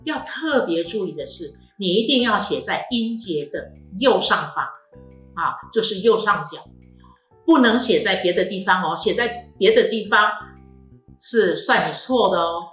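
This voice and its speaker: A woman teaches the tones of her language, explaining patiently and sounding out each syllable slowly. Her voice rings in an echoey room, with faint music underneath. Her pitch sits in the middle. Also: a bit bright. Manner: patient, explanatory, drawn-out vowels and modelled syllables. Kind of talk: classroom tone lesson.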